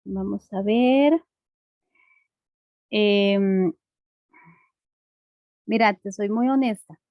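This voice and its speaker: A woman's voice: medium pitch, extremely slow, dry recording, phone-quality sound. A woman teacher explaining a lesson patiently and simply, checking in with her class through frequent rhetorical questions.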